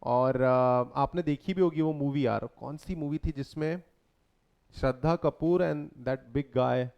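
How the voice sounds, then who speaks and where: A man's voice: mid-range voice, slow pace, vocal fry, a little mellow, clear, resonant tone, muffled recording. A man teaching a lecture in a conversational way, often quizzing his students with questions. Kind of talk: lecture mixing Hindi and English.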